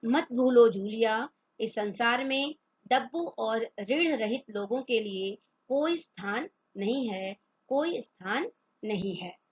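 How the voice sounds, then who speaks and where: A stern male employer who scolds and lectures in a hard, indignant voice, as a woman teacher reads him out. The delivery is slow and a little husky. The recording is dull and lo-fi. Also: fairly high pitch, animated, heavily acted. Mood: lecturing.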